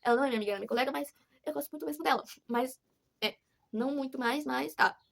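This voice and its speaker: A woman's voice: high voice, racing, vocal fry. A woman with a Brazilian Portuguese accent, telling a personal story in a rambling, earnest vlog with many restarts. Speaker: vlogger. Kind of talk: casual confessional vlog.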